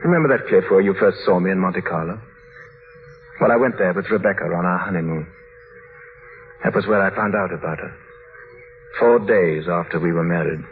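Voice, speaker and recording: A male actor with a low voice plays a tormented husband in an old radio drama, making a grave and halting confession with great drama. He comes across bitter and tormented on the muffled, noisy vintage recording.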